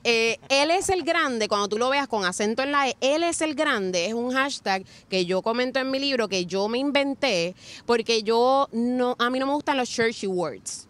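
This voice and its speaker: A woman's voice: on the high side, normal speed, fairly bright tone. A young woman in casual chat as a podcast guest, talking earnestly and expressively and acting out quotes.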